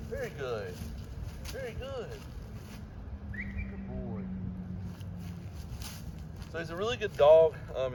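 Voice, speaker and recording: A man's voice: medium pitch, background noise. A man working as a dog trainer, explaining each step of a walk while giving his dog commands outside. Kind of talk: outdoor training demonstration.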